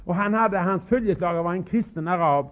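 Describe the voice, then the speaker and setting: An older man preaches with fervent emotion, his fairly high voice leaping to loud cries and dropping to hushed asides. The sound is thin and tinny, like an old narrow-band recording. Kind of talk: revival sermon.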